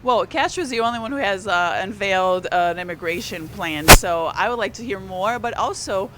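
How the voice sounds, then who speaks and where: Amid very noisy audio, a woman speaks at normal speed in a mid-range voice. She's a newspaper columnist whose first language is Portuguese, casually discussing politics on a live stream with fillers and restarts and growing energy on key points.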